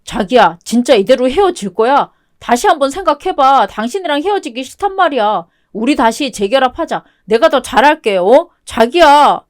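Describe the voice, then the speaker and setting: A woman's voice: high-pitched, animated, moderate pace, hardly any pauses. A woman playing a whiny, clingy young husband. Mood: pleading. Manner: whiny, begging. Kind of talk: web-toon radio drama reading.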